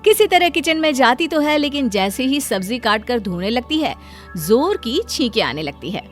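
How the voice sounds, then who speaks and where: A woman narrating a cartoon story in a lively storytelling manner. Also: high-pitched, moderate pace, faint music behind.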